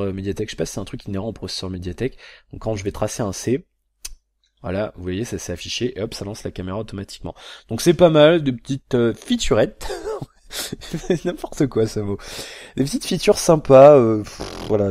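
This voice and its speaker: A man's voice: lowish voice, animated, quick pace, mellow, no room sound, studio quality. A man casually reviewing a phone on camera at home, rambling and hesitant, with lots of fillers and restarts. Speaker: tech reviewer. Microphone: built-in camera mic, camera resting on a box.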